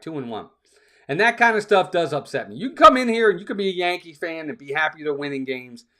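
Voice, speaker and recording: A man with a slightly high, somewhat bright voice hosts a fan stream, calling the action play-by-play and replying to viewers' chat. He addresses his audience directly, scolds trolls, and often repeats himself for emphasis.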